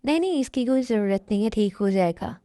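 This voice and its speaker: A woman voicing a gentle, hurt young wife who pleads softly, in a fan dub. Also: mid-range voice, lively intonation, fairly quick, no room sound, clean studio sound, close to an everyday voice. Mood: weary. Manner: soft, pleading.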